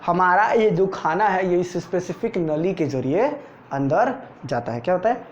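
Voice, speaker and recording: Male teacher, board lecture for school students; quizzes the class with rhetorical questions and repeats key terms. Dull, lo-fi recording. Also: fairly high pitch. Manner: asks rhetorical questions and answers them himself; repeats key terms, often tags "theek hai". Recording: dull lo-fi recording with faint noise.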